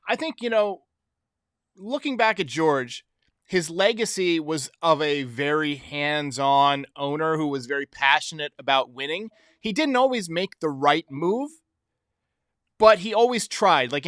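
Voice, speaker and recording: A man hosting a sports show, giving casual opinion commentary in a conversational way, thinking out loud as he goes. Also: fairly high pitch, lively intonation, moderate pace, no echo, studio quality. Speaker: sports show host answering fan voicemails.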